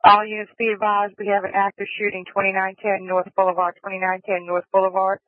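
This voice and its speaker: A man's voice: sits high, monotone, fast, no echo. A male police dispatcher on a police radio channel, relaying calls in clipped phrases and repeating key details. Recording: tinny dry radio transmission.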